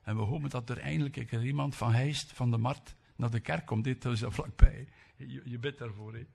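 A man's voice: mid-range voice, fairly even intonation, fairly quick, vocal fry, a little mellow, husky. A man preaching a sermon, reading scripture with emphasis and breaking off for chatty asides and tag questions.

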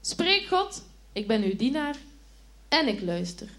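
A woman voicing the young boy Samuel in a children's Bible story, with a high, eager voice and quick, earnest replies. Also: big pitch swings, fairly bright tone, exaggerated voice.

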